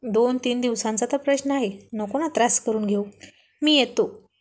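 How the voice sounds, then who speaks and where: A woman's voice: fairly high pitch, moderate pace, natural voice. A woman voicing a young husband teasing his wife on the phone in a Marathi storybook reading. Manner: gentle playful teasing.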